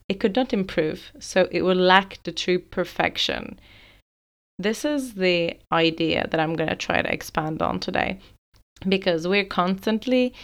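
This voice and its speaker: A woman hosting a solo podcast, explaining ideas in a thoughtful way and often saying "like" as she goes. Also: lowish voice. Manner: thoughtful, explanatory, uses many fillers like "like". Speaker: podcast host.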